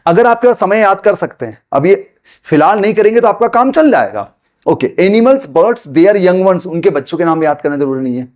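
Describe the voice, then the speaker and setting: Male online English tutor with a high voice, who talks straight to viewers as friends and keeps repeating his advice. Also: lively intonation, a little mellow. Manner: explains slowly, repeats points, addresses viewers as friends. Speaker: English teacher. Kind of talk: spoken English lesson to camera.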